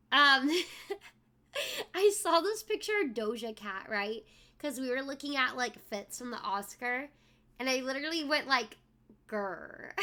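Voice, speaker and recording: A woman's voice: sits high, bright, forceful tone. A young woman streaming live, chatting playfully with her viewers and reading their messages aloud in a sing-song way. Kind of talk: casual live-stream chat.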